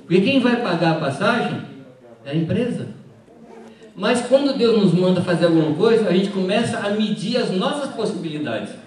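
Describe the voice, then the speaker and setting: A pastor delivers an emphatic sermon, stopping often to put direct questions to the crowd. His voice sits high for a man. It rings through a large, echoey hall and sounds distant from the microphone. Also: lively intonation, moderate pace. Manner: emphatic preaching, addresses the congregation directly with questions.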